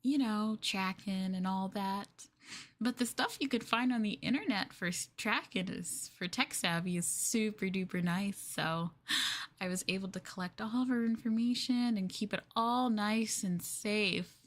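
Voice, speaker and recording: Speaking at a measured pace in a mid-range voice, a woman lightly acts the part of a young girlfriend, obsessive and sweetly possessive, in a close ASMR roleplay. She coos and coaxes the listener through soft, breathy asides, in a dreamy, coaxing mood.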